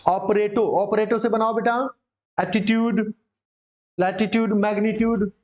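A man's voice: high-pitched, flat delivery, a little slow, darkish tone. A male English vocabulary teacher, drilling words with students in a casual, encouraging coaching-class manner. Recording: dull lo-fi sound.

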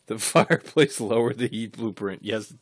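Male gaming streamer, low register, dry deadpan delivery, casual co-op banter. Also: normal speed, no room sound. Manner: reads facts aloud off his screen in a dry, matter-of-fact way.

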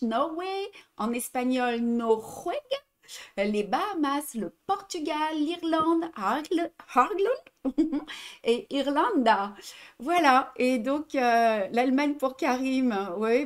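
Chatty French-accented woman, slightly high voice. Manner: chatty, reads out viewer comments, repeats herself in three languages. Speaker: embroidery shop host. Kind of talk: casual livestream chat.

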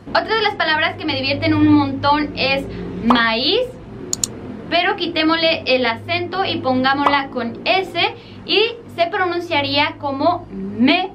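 A playful Mexican woman with a Mexican Spanish accent, her high voice bouncing from explanation to quick acted examples. Faint room ambience sits behind her in an apartment. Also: animated, highs cut off, background noise. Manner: playful, explains words then acts out French example phrases. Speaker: language teacher vlogger. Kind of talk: casual language lesson. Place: apartment without air conditioning.

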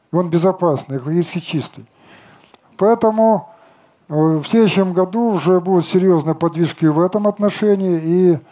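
Older man with a dark, mellow voice. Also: a little high. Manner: confident, lecturing, rhetorical questions, brushes off objections. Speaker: company chief designer answering questions. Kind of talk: outdoor stage talk and Q&A. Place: outdoor festival stage.

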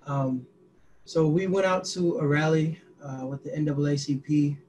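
A man in his twenties, speaking from a small room into a laptop mic on a video call. His voice sits a bit high and stays level in pitch. He tells a story haltingly, with many fillers, and faint noise sits under his voice. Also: fairly even intonation, a little mellow, poor audio. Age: 20s. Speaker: youth activist guest. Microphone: laptop webcam mic, group on one call.

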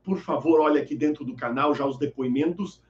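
A man's voice: fairly high pitch, brisk, roomy sound, dull audio. A man teaching Arabic in a chatty live online class, joking and reading viewers' names from the chat. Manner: lively, joking, reads chat names aloud.

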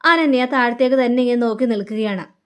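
A woman reviewer retelling a TV serial episode in a chatty, casual way. She acts out each character's lines herself in a somewhat high voice. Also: a little fast, a bit bright, smooth. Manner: chatty, acting out dialogue.

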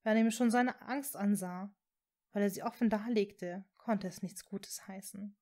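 A woman reading a fan fiction story aloud in a calm, measured narration. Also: mid-range voice. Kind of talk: audiobook narration.

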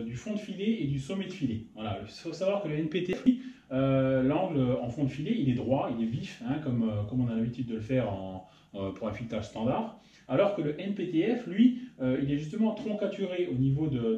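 A man hosting his own workshop channel, explaining machining in a casual technical tutorial, often pausing with fillers. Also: medium pitch, lively intonation, mellow, muffled recording. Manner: hesitant, many filler pauses. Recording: roomy echo.

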